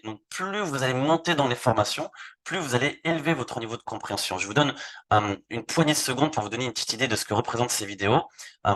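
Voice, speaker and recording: Man casually demoing a website. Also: medium pitch. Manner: relaxed, repeats words while clicking through screens. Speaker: online presenter. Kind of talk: live webinar product demo.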